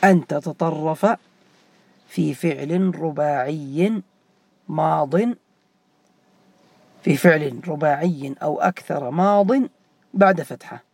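High, gravelly male teacher quizzing students. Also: takes it slowly, pauses often, a little mellow, dry recording. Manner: quizzes students by name, repeats key forms. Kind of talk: classroom grammar lesson.

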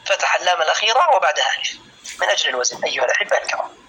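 A man teaching a classical Arabic lesson, slowly spelling out word patterns syllable by syllable and calling students by name. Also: fairly high pitch, very animated, pushed and bright, a little hiss or hum, poor audio. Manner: addresses students by name, asks if clear.

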